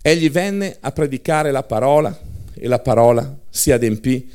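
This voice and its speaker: A man's voice: medium pitch, normal speed, darkish tone, clear, resonant tone. A man preaching a sermon with passion, piling up short phrases one after another.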